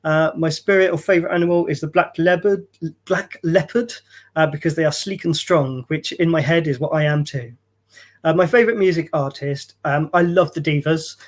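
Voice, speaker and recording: A man's voice: on the high side, normal speed. A man in his forties giving a casual self-introduction as a students' union activities coordinator, with many ums and uhs. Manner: chatty, with frequent ums and uhs.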